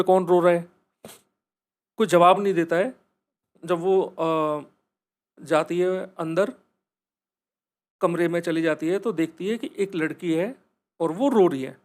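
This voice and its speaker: A man's voice: on the high side, a little mellow. A man telling a horror story in a casual, conversational way and speaking straight to his listeners. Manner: conversational, addresses listeners directly.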